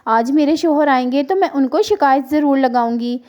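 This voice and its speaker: A woman voicing a young, mistreated sparrow daughter-in-law who pleads earnestly in an animated storybook cartoon. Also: high voice, moderate pace, lightly acted. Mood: hurt.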